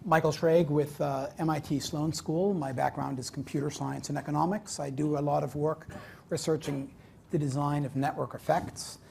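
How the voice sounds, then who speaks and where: Gravelly guy academic on a panel, halting emphatic delivery, some noise behind. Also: on the high side, fairly even intonation, mellow. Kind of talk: explanatory panel talk. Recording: live panel with background noise.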